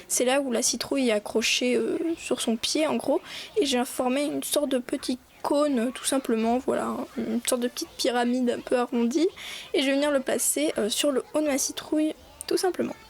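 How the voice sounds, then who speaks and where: A young woman with a high voice talks through a clay craft tutorial in a relaxed, chatty way. She keeps stopping to fill gaps and restart her sentences as she goes. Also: fairly quick, a little hiss or hum. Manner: chatty, many fillers and restarts. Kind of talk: casual voice-over tutorial.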